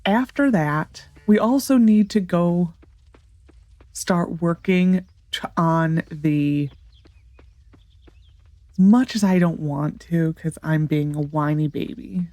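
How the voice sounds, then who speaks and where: Speaking slowly with long pauses, a woman with a lowish, dark, congested, and nasal voice talks casually through a farming game. There's no room sound. As a let's play gamer, she thinks aloud and fills her commentary with ums and restarts.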